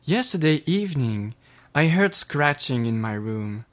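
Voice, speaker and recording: A man voicing an earnest young boy in a slow, careful read storybook. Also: on the high side, sing-song, pitched above the performer's own voice.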